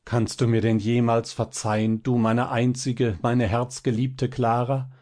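A man's voice: medium pitch, little pitch movement, a little slow, dark tone, close to an everyday voice. A man reading aloud and voicing a passionate, overwrought young man in a storybook. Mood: imploring. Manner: impassioned, imploring.

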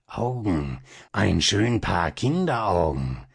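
A man voicing a cruel, sinister old man in a storybook reading, speaking in a hissing, sneering, drawn-out way. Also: low-pitched, sing-song, gravelly, slightly rough, full character voice. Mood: menacing.

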